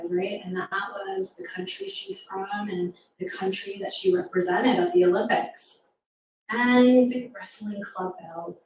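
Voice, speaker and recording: A woman with a medium-pitched, darkish voice reads rhyming verse to young children at a live storytime, encouraging and interactive. The roomy event space sounds echoey, captured by a distant mic with faint noise.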